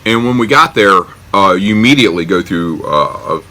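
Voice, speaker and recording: A man's voice: deep voice, animated, moderate pace, bright, forceful tone. An American man telling a casual personal anecdote in a wry, self-deprecating, joking way. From United States. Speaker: storyteller.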